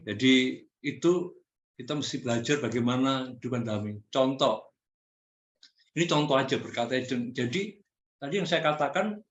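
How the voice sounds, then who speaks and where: A man's voice: medium pitch, fairly bright tone, roomy sound. A man preaching a sermon in a conversational teaching style, challenging the congregation directly.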